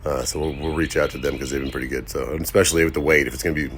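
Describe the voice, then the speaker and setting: A man in his thirties with a bass, groggy voice races through a trucking vlog, rambling loosely with lots of fillers. He's an owner-operator truck driver, filmed in his home kitchen and car, with slight noise in the background.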